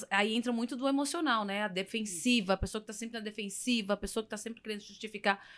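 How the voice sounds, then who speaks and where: A Brazilian woman speaking as a therapist guest in a relaxed podcast chat, at an ordinary mid pitch for a woman. She talks directly and with energy, slipping into little voices to act out the people she quotes. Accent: Brazilian Portuguese. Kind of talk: casual podcast conversation.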